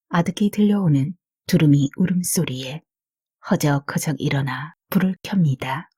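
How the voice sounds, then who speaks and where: A woman reading a literary short story as an audiobook narrator, in measured, polite storytelling sentences. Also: on the low side, mellow, husky, no echo, studio quality.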